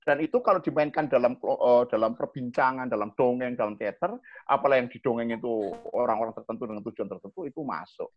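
A man with a Javanese accent explaining to young people in a relaxed chat, animated and acting out little scenes with sharp quoted lines. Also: mid-range voice, fast talker. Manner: animated, acts out examples with sharp raised-voice quotes. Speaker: communication coach. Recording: dull lo-fi sound.

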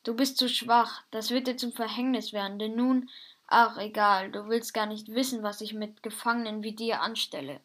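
A woman's voice: fairly high pitch, steady tone, moderate pace, fairly bright tone, natural voice. A woman voicing a cruel, gloating jungle monster that sneers and threatens.

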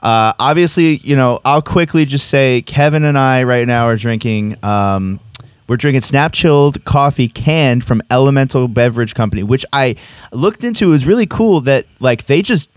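A man in his late twenties hosts a relaxed podcast chat in a dry, close-miked sound. His pitch sits in an ordinary middle range, and he laughs easily and strings his thoughts together with casual fillers. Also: moderate pace, smooth, dry recording. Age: 20s. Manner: friendly, laughs often, fillers like "like" and "you know". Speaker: podcast host.

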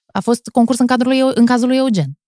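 A woman in her thirties, a TV presenter with a Moldovan Romanian accent, telling stories in a lively way with quick laughs and animated pitch jumps. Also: no room sound, studio quality. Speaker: TV presenter, podcast guest. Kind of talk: casual chat.

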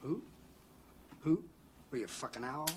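An actor playing a ferocious, unhinged middle-aged police detective in a film scene, with sudden explosive shouting. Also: male voice, mid-range voice, animated, moderate pace, background noise, close to an everyday voice. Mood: menacing. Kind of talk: film dialogue.

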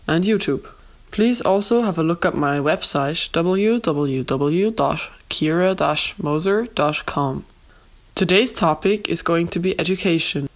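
A young adult woman hosting an informal educational podcast, explaining things in simple, repeated phrases on a low-quality makeshift recording. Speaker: podcast host. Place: home, during a move. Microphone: makeshift non-studio microphone.

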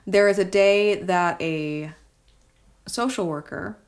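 A woman's voice: medium pitch, slow pace. A woman co-hosting a casual film discussion, chatty and filler-heavy, often checking in with "right?". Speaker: podcast co-host.

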